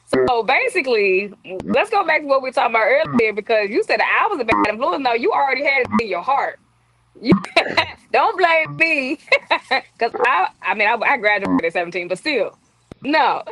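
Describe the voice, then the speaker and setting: Guest, female, teasing, giggly, fairly high voice, faint hiss behind. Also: big pitch swings, normal speed, fairly bright tone. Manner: laughs often, teasing and playful. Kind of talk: casual interview chat.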